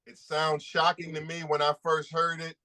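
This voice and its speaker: A man's voice: a little high, monotone, moderate pace, pushed and bright. A man who is a civil rights attorney giving an impassioned, emphatic statement at a press conference, repeating points for stress.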